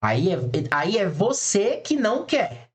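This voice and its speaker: In a casual online class for eyebrow designers, a man speaks slowly in a high-pitched voice with big swings in pitch. He's chatty, blunt and familiar with his listeners, often acting out client conversations in quoted voices.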